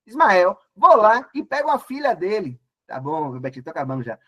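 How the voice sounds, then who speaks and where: A man's voice: sits high, sing-song, moderate pace, fairly bright tone, heavily acted. A man voicing Esau, the elder brother, pleading. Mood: eager.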